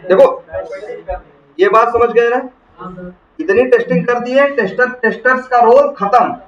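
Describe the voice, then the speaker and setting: High-voiced man lecturing in a roomy classroom. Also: unhurried. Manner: asks the class questions and answers them himself. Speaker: software testing teacher. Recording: roomy, distant, muffled classroom recording.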